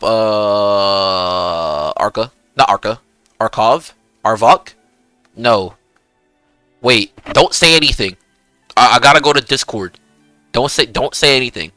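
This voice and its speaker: Animated young gamer-bro guy streaming. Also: mid-range voice, no echo. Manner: hyped gamer-bro slang, swearing, peppering talk with "bro" and "dude". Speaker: game streamer. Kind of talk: casual livestream chat and gaming commentary.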